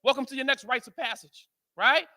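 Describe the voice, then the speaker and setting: American conference speaker, male, high and sharp voice, storytelling motivator. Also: fairly quick. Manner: animated storyteller, keeps asking "right?". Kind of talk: motivational speech to men.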